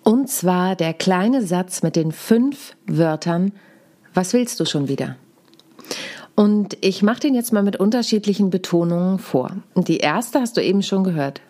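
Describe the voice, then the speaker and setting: A woman in her thirties hosting a solo podcast as a speaking coach, talking in a deliberate, coaching way, still a little hoarse from a cold. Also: mid-range voice, lively intonation, dark tone. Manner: deliberate, coaching tone, demonstrates stresses. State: lingering cold.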